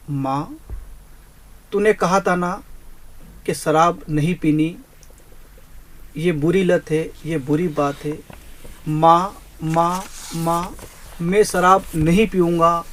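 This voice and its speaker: A man's voice: on the high side, rough recording. A man reciting a poem in the voice of a young adult son, repeatedly calling out to his mother from a party. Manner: pleading, repeating "mother" over and over.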